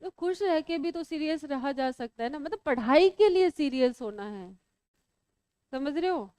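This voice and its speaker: A woman's voice: sits high, animated, normal speed, mellow, no room sound. A woman teaching biology to a class, asking students questions and teasing them as she explains. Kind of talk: classroom lecture.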